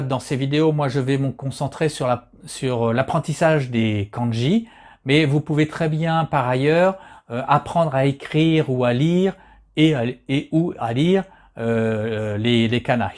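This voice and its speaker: A man explaining Japanese characters in a patient lesson, pausing often and restarting his sentences. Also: medium pitch, a little mellow. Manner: frequent hesitations and restarts, patient and plain. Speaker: kanji teacher.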